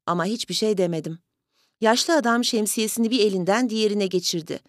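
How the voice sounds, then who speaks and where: A woman's voice: medium pitch, brisk, dry recording. Woman narrating a story, dry close sound. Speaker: audiobook reader.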